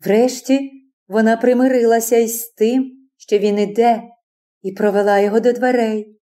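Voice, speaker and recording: A woman narrating a classic novel as an audiobook in a measured, expressive reading. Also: fairly high pitch. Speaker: audiobook reader.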